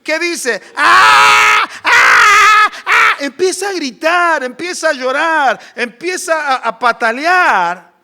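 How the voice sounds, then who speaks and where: A middle-aged man, preaching a sermon and acting out crying and shouting. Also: very high-pitched, a little slow. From Argentina. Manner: animated, acts out crying babies and shouts. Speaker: pastor.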